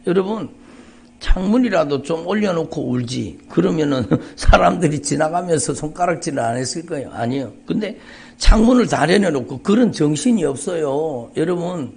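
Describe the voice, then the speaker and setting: A middle-aged man, a pastor giving an emotional testimony in a dawn sermon, repeating phrases and swinging between quiet and loud. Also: on the high side, animated, normal speed, gravelly, breathy edge. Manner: emotional, repetitive, rising and falling intensity. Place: church sanctuary.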